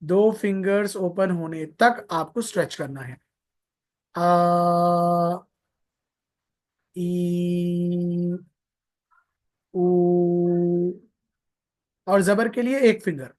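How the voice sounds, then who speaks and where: This Quran recitation teacher speaks in a high, animated voice with a darkish tone, at normal speed and with hardly any pauses. During his live online lesson he repeats points patiently, elongates vowels to show them, and sprinkles in pious blessings.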